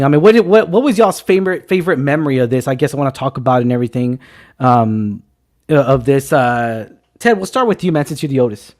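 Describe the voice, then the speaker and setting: A man in his twenties hosting a casual movie talk show, excitable and teasing, with loud bursts. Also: fairly high pitch. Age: 20s. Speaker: podcast host. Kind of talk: casual film chat.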